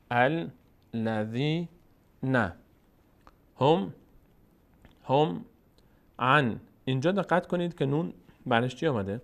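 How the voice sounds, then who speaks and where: A man's voice: medium pitch, darkish tone. Methodical man teaching Quran reading. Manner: methodical, spells out and slowly drawls syllables to model them. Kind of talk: step-by-step Quran reading lesson.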